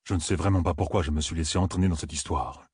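Guy doing a super deep gruff old giant elder, raspy, slow grumbly storybook voice. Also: steady tone, a little mellow, no room sound, clean studio sound, exaggerated voice. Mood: grumbling. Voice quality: deep rumbling voice.

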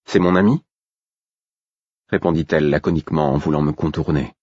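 A man's voice: rumbling low, a little fast, a little mellow, husky, no echo. A man reading an audiobook, voicing a proud young woman who answers in curt, cutting replies. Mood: terse. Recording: dull, dry recording.

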